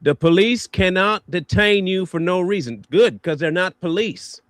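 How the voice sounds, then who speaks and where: A man co-hosting a livestream, talking in animated, mocking banter. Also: high-pitched, no room sound. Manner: animated, mocking, quick to laugh. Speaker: livestream co-host.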